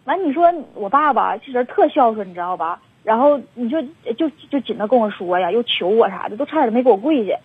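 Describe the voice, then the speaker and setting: A young woman with a Northeastern Mandarin accent talks fast over a tinny, dry phone line. Her voice is very husky and a bit high, and she rambles on with filler words and an upset tone. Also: expressive, dry recording. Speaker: caller. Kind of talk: phone-in confession. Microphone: telephone.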